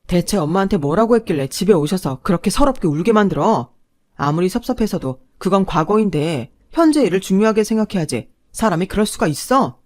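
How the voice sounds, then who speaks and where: A defensive ex-husband who keeps making excuses in a fairly low voice. A woman puts him on for a narrated audio story, self-justifying and wheedling. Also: lively intonation, normal speed, darkish tone. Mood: indignant. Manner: indignant then wheedling. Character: defensive, pleading adult ex-husband.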